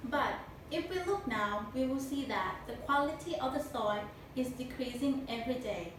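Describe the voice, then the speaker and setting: Recorded noisily from a distance in a very echoey room, a young Thai-accented speech contestant recites her memorized competition speech in a stiff, rehearsed manner. Her voice sits high and is expressive, moving at a moderate pace.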